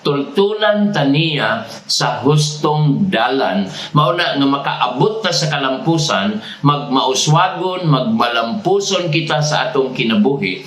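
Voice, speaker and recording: A man with a Cebuano accent preaching a sermon as pastor, repeating each point deliberately and prompting the congregation to say phrases back. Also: mid-range voice, a bit bright, reverberant, rough recording. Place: church sanctuary.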